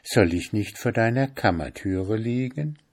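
A man's voice: lowish voice, animated, a little slow, a little mellow, voice pushed up. A man voicing a coaxing, enchanted male snake in a storybook reading, begging in a wheedling way.

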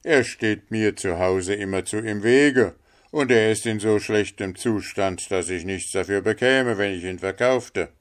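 A man's voice: fairly low pitch, measured pace, natural voice. A man voicing a selfish, pompous miller in a storybook reading, self-pitying in tone.

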